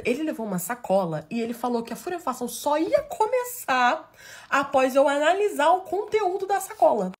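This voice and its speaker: Woman from Brazil, comic storyteller, high lively voice, rattles along fast. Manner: animated, slangy, jokey.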